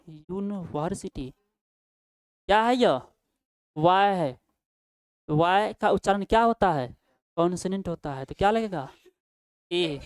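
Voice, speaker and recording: Male grammar teacher, smooth voice, asks and answers his own questions. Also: sits high, darkish tone, no room sound. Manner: asks questions and answers them himself, with frequent "ठीक ना?" tag checks. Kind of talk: Hindi-language English grammar lesson.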